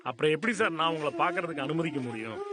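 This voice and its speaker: An actor dubbing an earnest, sympathetic police constable in a TV serial who advises a worried family. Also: male voice, fairly high pitch, animated, racing, crowd noise, close to an everyday voice. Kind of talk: dubbed TV serial dialogue.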